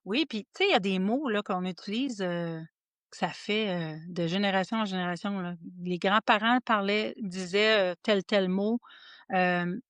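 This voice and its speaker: Quebec-accent woman chatting on a podcast, trails off quiet a lot, no room echo. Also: mid-range voice, normal speed. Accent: Quebec French. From Quebec, Estrie region. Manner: chatty, many restarts, drops to quiet asides. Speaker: podcast co-host. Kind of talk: casual conversation.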